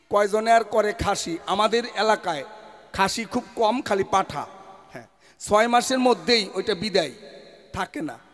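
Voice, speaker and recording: A man's voice: high-pitched, a bit bright, long reverb tail. A man with a performing a stage folk verse debate, declaiming in rhyme and breaking into song. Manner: declamatory, rhyming, slipping into song.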